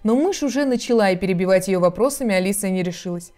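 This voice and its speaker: A woman narrating a children's storybook in a calm, expressive, measured way. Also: mid-range voice, soft background music. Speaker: reader.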